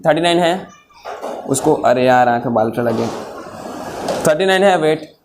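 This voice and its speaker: A man teaching a class of students as a physics tutor, coaxing them to think and dictating notes slowly word by word, his throat sore from long talking. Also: on the high side, animated, background noise.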